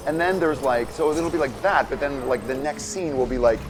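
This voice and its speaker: A man of ordinary pitch chats loosely about a game as he plays it live, piling up filler words. A faint hiss of background noise sits under his voice. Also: brisk. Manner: rambling, animated, many "like" fillers. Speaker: co-host of a live game stream. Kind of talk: casual chat while playing a game.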